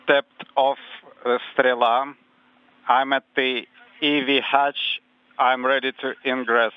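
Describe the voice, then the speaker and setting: A man's voice: medium pitch, little pitch movement, slow. Give me a man's clipped voice over a tinny spacecraft radio loop, narrow and phone-like, calling short procedure steps. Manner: clipped, matter-of-fact. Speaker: interpreter on the mission radio loop. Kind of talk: terse radio procedure calls.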